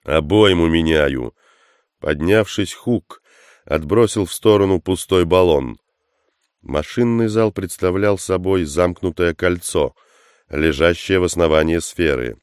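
A man with a very deep, smooth, resonant voice narrates an action story. His reading is measured and steady. The sound is close and dry, with no room around it. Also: no echo. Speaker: audiobook narrator. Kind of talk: scripted narration.

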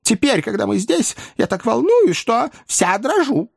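A man voicing a fussy, nervous, thrifty old woman in an audiobook, in a high, quavering, fretful voice. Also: big pitch swings, measured pace, vocal fry, breathy edge, no room sound, studio quality, exaggerated voice. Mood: flustered.

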